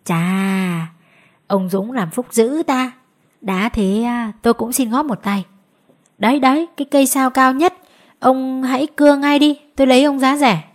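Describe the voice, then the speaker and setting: A woman voicing a cheerful, generous older village man in a spoken story. He talks lively and eager. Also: mid-range voice, slow.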